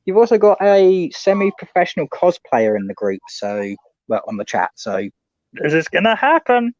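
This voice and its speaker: An upbeat man greets his stream chat and laughs often. His voice sits high and swings widely, and the audio is dry and dull. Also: big pitch swings, moderate pace, a little mellow, dry recording. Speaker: co-host of a watch-along stream. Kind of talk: casual live-stream chat.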